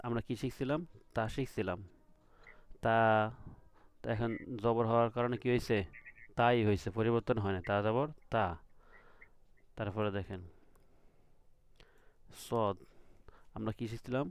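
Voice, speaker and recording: A man's voice: mid-range voice, steady tone, measured pace, pauses often, clean tone, dry recording. A man teaching letter sounds to beginners, patiently repeating each sound and checking with questions. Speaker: Quran reading teacher. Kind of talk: recorded lesson.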